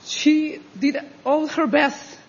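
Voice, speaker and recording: A new citizen from Honduras giving a halting, emotional personal speech at an outdoor ceremony. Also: high voice, fairly even intonation. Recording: dull audio with faint ambience.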